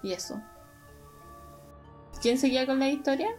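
A woman's voice: high voice, normal speed, a little mellow, soft background music. A young woman with a Chilean Spanish accent, telling a story in casual, rambling chat full of fillers. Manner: rambling, chatty, many fillers. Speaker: podcast co-host telling stories.

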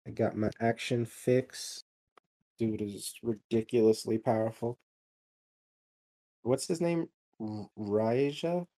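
Man, casual podcast chatter, mellow tone, loose and rambling with fillers. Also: medium pitch, slow pace, long pauses. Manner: rambling, many fillers and restarts. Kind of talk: casual chat.

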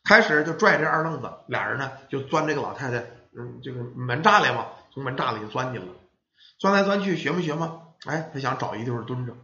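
Male storyteller, lively pitch, lo-fi echoey sound. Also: fast talker. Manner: folksy storyteller acting out children and parents. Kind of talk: spoken ghost story telling. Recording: roomy, dull lo-fi sound.

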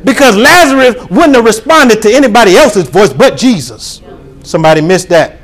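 A pastor preaching a sermon to his congregation, calling for responses and rising to shouts. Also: high voice, expressive, normal speed.

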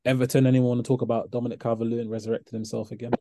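A man's voice: mid-range voice, flat delivery, racing, warm tone, no room sound. A man with a London accent hosting a casual football chat. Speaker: podcast host.

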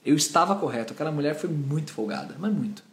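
A man's voice: a little high, expressive, quick pace, fairly bright tone. A Brazilian man in his thirties preaching, telling a personal story with acted-out scenes and sound effects. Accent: Brazilian Portuguese. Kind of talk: storytelling sermon with a confession. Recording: roomy echo.

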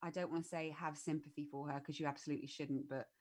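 A woman's voice: sits low, steady tone, fast talker, a little mellow. A woman co-hosting a casual podcast, giving blunt, sweary opinions on a TV series. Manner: blunt and sweary, laughs easily. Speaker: podcast co-host. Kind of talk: casual podcast film review.

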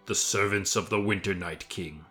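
A man voicing a grave male guardian in an audio fantasy story, speaking slowly and solemnly. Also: low-pitched, steady tone, pushed and bright, soft background music.

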